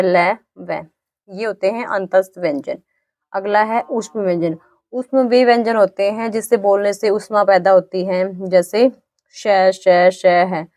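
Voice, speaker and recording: A woman teaching an exam-prep grammar lesson, patiently repeating definitions and sounding out each letter slowly. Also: medium pitch, a little mellow, dry recording.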